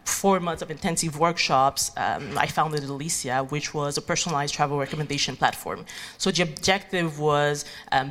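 Low-voiced woman from Haiti. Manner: relaxed, many ums and likes, light laughs. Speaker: guest entrepreneur. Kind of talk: conversational interview.

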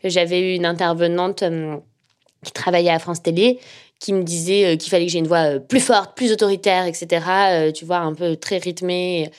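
A young woman speaks with a slightly nasal tone pitched a little low. She recounts her experiences calmly, pausing often and filling gaps with hesitations. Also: clean tone. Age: young adult. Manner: thoughtful, many fillers and hesitations. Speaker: journalist. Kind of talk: casual personal storytelling.

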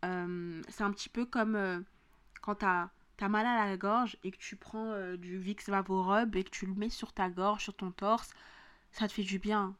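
A woman's voice: medium pitch, fairly even intonation, unhurried, fairly bright tone, smooth. A young woman with a southern French accent, talking straight to her podcast listeners. Her speech is casual and full of slang, and she repeats phrases over and over to drive her point home. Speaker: podcast host. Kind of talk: motivational podcast monologue.

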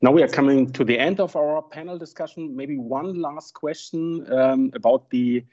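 Male moderator for a panel discussion, relaxed dark tone, muffled audio. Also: on the high side, normal speed. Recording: dull lo-fi sound.

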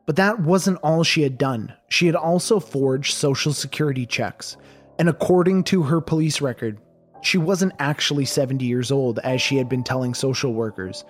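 A man narrating a true crime story in a measured, dramatic scripted style. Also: medium pitch, soft background music.

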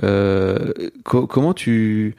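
A man hosting an interview, asking relaxed, rambling questions with fillers. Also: fairly low pitch, extremely slow, clean tone. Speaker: podcast host.

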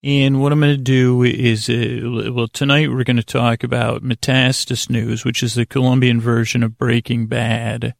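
The host of a sleep podcast, a man with a creaky mid-range voice, delivers a soothing, lulling bedtime monologue that meanders, hesitates and self-corrects. He moves at a moderate pace with few pauses and little pitch movement, in studio quality with no room sound.

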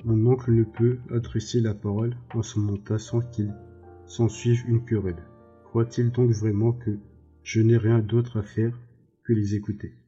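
An impatient, petulant young nobleman, read by a man. The voice is low and dark with a flat melody. The audio is slightly dull, with faint music behind. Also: a little slow, natural voice. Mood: scornful.

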